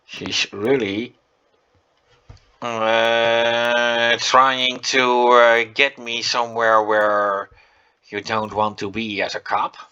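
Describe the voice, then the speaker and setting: A man's voice: medium pitch, flat delivery, drawn-out words, bright, forceful tone, smooth, dull audio. A man giving casual let's-play commentary on an old adventure game, reading its text aloud between chatty asides full of fillers. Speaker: gameplay commentator.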